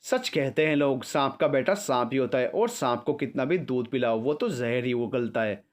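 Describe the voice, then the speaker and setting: Male narrator doing an angry young hero, mid-pitched and accusing. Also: expressive, normal speed, lightly acted. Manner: shouting accusations. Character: angry young man confronting his enemy.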